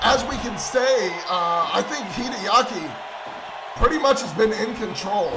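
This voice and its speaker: High-voiced shouting wrestling commentator man. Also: expressive, measured pace. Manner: erupts into shouts at big moves. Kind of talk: excited play-by-play commentary. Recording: over loud crowd and music. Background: crowd noise and music.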